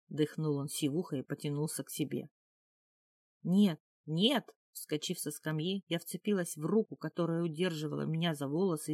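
A woman's voice: low-pitched, a little mellow, dry recording, studio quality. A woman narrating a first-person audiobook with a tense, dramatic reading.

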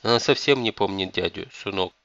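A man voicing a weary, ashamed middle-aged mother who speaks softly and sadly. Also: sits low, brisk, vocal fry, no room sound, dull audio. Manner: soft, sorrowful.

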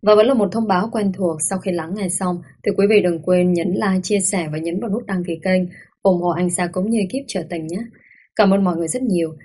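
A woman narrating a romance audiobook, reading in a measured, softly expressive way. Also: on the low side, breathy edge. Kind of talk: scripted story narration.

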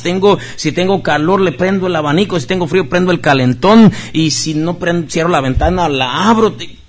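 Husky Mexican pastor preaching. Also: male voice, on the high side. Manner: preaching with sudden loud rises and soft drops. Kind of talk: sermon.

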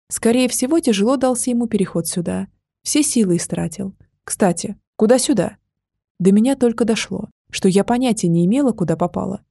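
A woman narrating a first-person fantasy audiobook with wry, lively storytelling. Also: mid-range voice, creaky, no echo, clean studio sound.

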